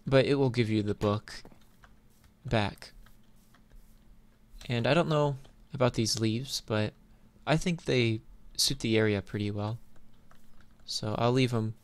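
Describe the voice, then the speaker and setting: A man who hosts a gaming video series talks through his own gameplay in an informal, thinking-aloud way, his mid-range voice slow and broken by frequent pauses. The clear background noise is computer keyboard typing and clicking.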